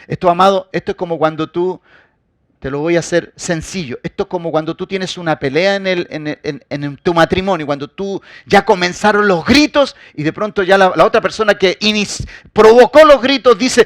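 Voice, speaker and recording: A man preaching a sermon as pastor. He addresses the congregation directly and swings between loud, forceful emphasis and quiet asides. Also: sits high, a little fast, no echo, clean studio sound.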